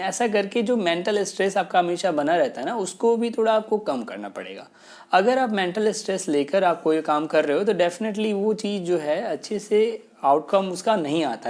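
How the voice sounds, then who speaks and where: Male teacher, patient and explanatory, casual talk-to-camera delivery, slows down for key points. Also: sits high, a little mellow. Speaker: English teacher. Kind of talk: casual spoken lesson, mixing Hindi and English.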